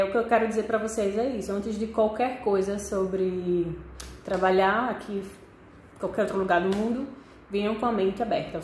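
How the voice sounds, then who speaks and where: Talking directly to her viewers from a small indoor living room with a desk, this young adult vlogger from Pernambuco has a mid-range voice and a Northeastern Brazilian accent. She's casual and expressive, and the recording has room echo and slight background noise.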